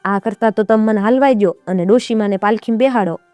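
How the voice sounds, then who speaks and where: A woman voicing a calm, self-assured teenage daughter, in a folk tale. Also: medium pitch, fast, dry recording, faint music behind, pitched above the performer's own voice, natural voice. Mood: kind. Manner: calm, firm.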